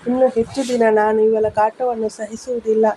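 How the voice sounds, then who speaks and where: A woman voicing a harsh, accusing middle-aged stepmother in a storybook reading, with a sharp manner. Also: on the high side, level tone, moderate pace, lightly acted. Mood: scolding. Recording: dull lo-fi with faint hiss.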